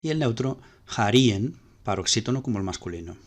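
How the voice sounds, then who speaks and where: A man's voice: on the low side, moderate pace. A man with a Spanish accent teaching ancient Greek grammar step by step, repeating key points as he explains slides.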